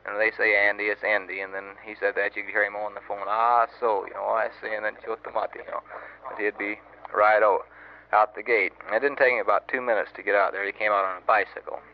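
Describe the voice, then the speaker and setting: Young serviceman, low voice, rambling and halting, old wire recording, muffled with light hiss. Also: level tone. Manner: rambling and halting, many fillers and restarts. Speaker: Marine sergeant recording an audio letter. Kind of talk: casual spoken letter, storytelling.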